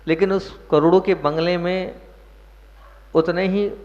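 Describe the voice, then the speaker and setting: A man's voice: sits high, steady tone, a little slow, a little mellow. A man preaches a sermon as a monk, putting questions to his listeners and landing hard emphasis on single words. His voice rings through a large hall with long echo. The recording sounds dull and muffled.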